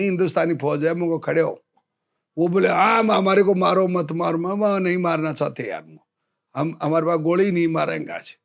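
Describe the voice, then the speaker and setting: A middle-aged Indian army veteran telling a war story as an interview guest, acting out the quoted dialogue. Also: male voice, a little high, darkish tone. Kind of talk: storytelling in casual conversation.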